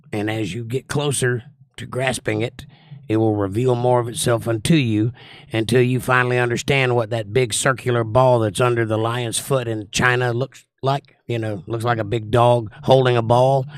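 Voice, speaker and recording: A man's voice: mid-range voice, dry recording. Folksy man, dry close sound. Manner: folksy hillbilly drawl, opinionated, rhetorical questions. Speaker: livestream host. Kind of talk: casual livestream chat, monologue answering viewers.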